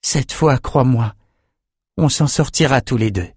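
A man's voice: mid-range voice, a little slow, a little mellow, breathy edge, dry recording, studio quality, pitched above the performer's own voice. A man reading an audiobook voices a loyal, emotional young man who speaks in an earnest, pleading way.

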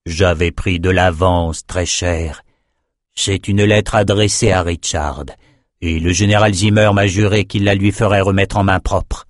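A man voicing a gruff, weary old wizard who speaks slowly and low, with a grumbling tone. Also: steady tone, no echo, studio quality. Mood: wry. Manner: slow, low, grumbling delivery.

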